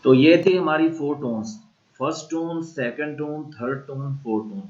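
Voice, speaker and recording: A man with a Pakistani accent teaching an online language class, slowly drilling and repeating sounds. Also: on the high side, darkish tone, dull audio. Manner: slow repeated drilling of tones.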